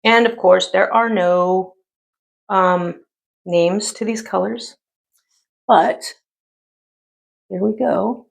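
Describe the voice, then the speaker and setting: Chatty fifties woman, mid-pitched with a creaky edge, easygoing makeup-tutorial talk. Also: steady tone, very slow, pauses often. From United States. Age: 50s. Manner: chatty, rambling, many ums. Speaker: beauty vlogger. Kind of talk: casual makeup tutorial chat.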